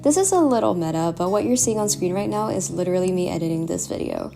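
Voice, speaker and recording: A woman's voice: fairly low pitch, animated, fast, creaky, over music. A young woman narrating her vlog in a casual, candid and reflective way. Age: young adult. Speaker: student vlogger.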